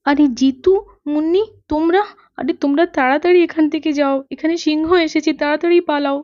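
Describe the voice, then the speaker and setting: A caring young mother, voiced by a woman in a children's doll story, who frets and talks to herself as she goes. Her voice sits high and bright. The recording is dull, lo-fi and dry. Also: fairly even intonation, fairly quick, dry recording, natural voice. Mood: panicked.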